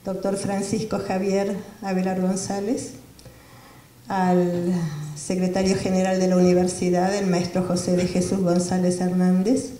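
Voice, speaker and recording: A woman giving an academic lecture in a measured, explanatory way. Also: lowish voice, monotone, mellow, a little hiss or hum. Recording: roomy hall from far off.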